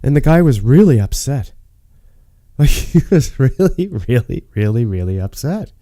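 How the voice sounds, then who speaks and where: A man rambles on to camera, frustrated and cursing, stopping and restarting his sentences with plenty of fillers. His voice is very dark and mellow. The recording is close and dry. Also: medium pitch, sing-song, dry recording. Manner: frustrated, swearing, halting with many fillers and restarts. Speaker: vlogger.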